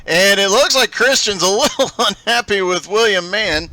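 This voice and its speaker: A man's voice: sits high, animated, normal speed, sharp tone, dry recording. A man calling a live sim racing event play-by-play, upbeat and laughing often as he goes. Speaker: race commentator.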